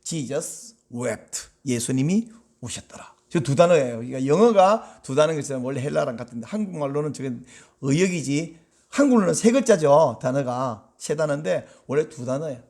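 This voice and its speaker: A male pastor delivers a sermon in a bright, high-pitched voice that swings widely in pitch. He talks to the congregation conversationally, asking them questions, and jumps into acted-out quoted voices. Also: lively intonation, normal speed.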